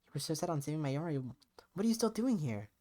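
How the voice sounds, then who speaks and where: Speaking a little high, fast and warm, a man uses his natural voice but pitches it above his own to play an earnest young woman in a visual novel. She is blunt yet caring, questioning him frankly and insistently with an urgent edge.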